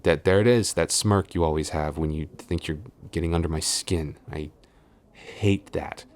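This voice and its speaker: A very deep, slightly mellow male voice at normal speed plays a tsundere boyfriend who supervises at the office in an intimate audio roleplay. He's flustered and stammering, exasperated and defensive as he tells her off.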